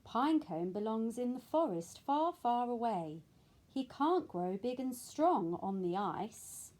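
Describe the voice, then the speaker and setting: A wise old grandpa penguin, read by a woman, who explains things gently in a picture-book voice. The voice stays fairly high and sing-song, and it moves slowly. Faint noise sits in the background. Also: sing-song, exaggerated voice. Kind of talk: children's picture-book reading.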